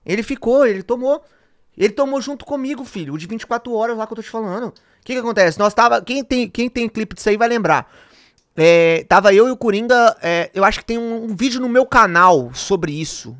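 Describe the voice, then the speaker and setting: A man's voice: sits high, lively intonation, a little fast, fairly bright tone, dry recording, studio quality. A young man with a Brazilian accent, a guest telling a story in casual chat while walking someone through a video clip. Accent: Brazilian Portuguese. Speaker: guest streamer.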